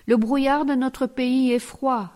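A woman's voice: high voice, fairly even intonation, slow pace, a little mellow, pitched above the performer's own voice. A woman reading the part of an old family nurse who fusses familiarly over her young mistress. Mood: caring. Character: old nurse, fussing and protective.

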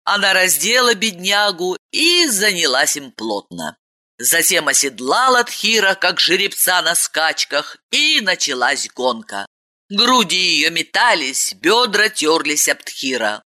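A woman narrating a story in an expressive, dramatic reading. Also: on the low side, measured pace. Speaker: audiobook narrator. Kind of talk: scripted narration.

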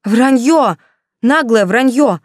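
A woman's voice: lowish voice, expressive, fast talker, no room sound, studio quality, lightly acted. Storybook figure: a hot-tempered young student girl, read by a woman, raised indignant protests.

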